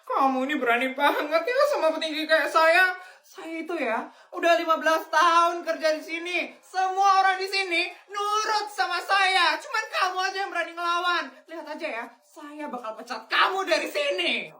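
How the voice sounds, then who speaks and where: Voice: very high-pitched, normal speed, sharp tone, pitched above the performer's own voice. A woman voicing a bullying male office manager who stammers while pleading for his job. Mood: threatening. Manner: stammering pleas. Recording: roomy sound from a distance.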